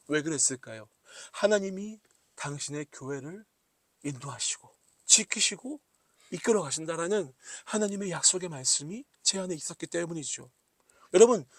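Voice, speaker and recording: A man's voice: high voice, no room sound. A male pastor preaching a sermon, asking the congregation questions and acting out prayers. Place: church sanctuary.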